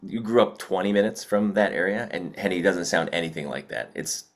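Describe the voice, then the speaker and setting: A man's voice: sits low, fairly quick. A middle-aged man from the Philadelphia area with a Delco accent, co-hosting a casual podcast and rambling through stories. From Delaware County, Pennsylvania. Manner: rambling, storytelling, frequent likes and ums. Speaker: podcast co-host. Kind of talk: casual chat.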